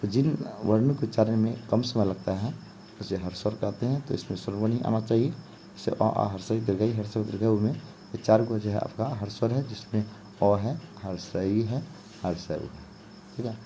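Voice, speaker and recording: A man from India teaches an exam-prep grammar lesson in a somewhat low, mellow voice. He explains patiently, circling back with little check-ins and fillers. Faint insect and cricket sounds sit behind him. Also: normal speed, a little hiss or hum. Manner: explanatory, repeats "ठीक है" and "जो है आपका".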